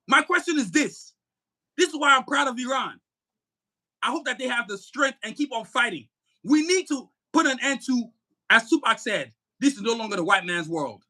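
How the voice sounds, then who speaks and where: At normal speed and in a very high, expressive voice, a man co-hosting a podcast vents his anger over politics. The rant is heated and emphatic, with cursing and the occasional shout.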